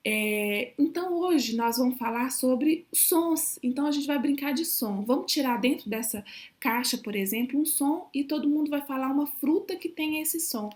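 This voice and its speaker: A woman's voice: high voice, darkish tone. A woman lecturer with a Brazilian Portuguese accent, giving an explanatory distance-learning lecture and often closing points with a tag question. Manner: pronounces example syllables and words slowly. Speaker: university lecturer.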